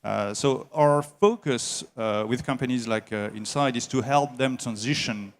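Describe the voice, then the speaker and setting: The head of an engineering services firm is interviewed at a trade show, replying slowly and hesitantly with plenty of fillers. His voice sits in the mid range.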